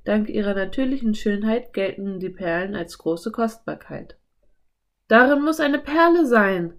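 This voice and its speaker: A woman's voice: mid-range voice, moderate pace, vocal fry, a little mellow, close to an everyday voice. Brief: bookish young boy, cautious and earnest, slightly lifted voice, read by a woman.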